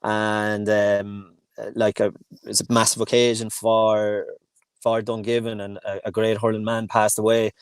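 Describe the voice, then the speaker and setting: A man's voice: lowish voice, completely flat delivery, measured pace, clear, resonant tone, no echo. Chatty Irish man rambling about hurling. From Ireland, Kilkenny. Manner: rambling, many restarts and "like" fillers, laughs often. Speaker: guest, hurling coach in Antrim. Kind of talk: casual podcast chat.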